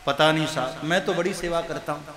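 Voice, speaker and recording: A man's voice: on the high side, fairly quick, crowd noise, pitched below the performer's own voice, natural voice. A man voicing a poor, sad, pious Brahmin who answers meekly, in an echoey hall. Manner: meek, pleading.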